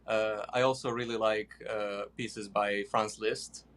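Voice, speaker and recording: A young man from Iraq answers questions about his playing. His voice sits a little low, and he pauses often with fillers as he searches for words. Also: steady tone, a bit bright. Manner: hesitant, many fillers. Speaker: guest pianist. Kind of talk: interview answers.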